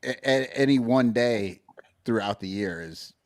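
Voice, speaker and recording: A man co-hosting a casual baseball chat, wry and rambling with halting restarts. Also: mid-range voice. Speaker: podcast co-host.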